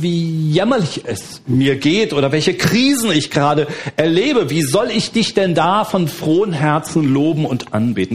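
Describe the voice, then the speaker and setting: A middle-aged man from Berlin preaching a sermon as a guest pastor, relaxed and conversational with frequent fillers. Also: fairly high pitch. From Berlin, Germany.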